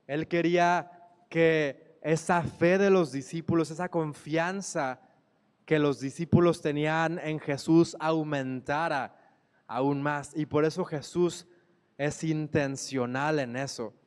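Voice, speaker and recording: A man preaching a sermon as pastor, slow and emphatic, repeating phrases for weight. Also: on the high side, fairly even intonation, smooth, in a large hall.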